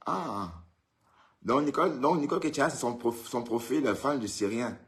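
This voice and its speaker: A man's voice: medium pitch, animated, moderate pace, a bit bright. A man hosting a casual live stream, greeting viewers by name and teasing them in a chatty way. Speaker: livestream host. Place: indoors, at home in Europe.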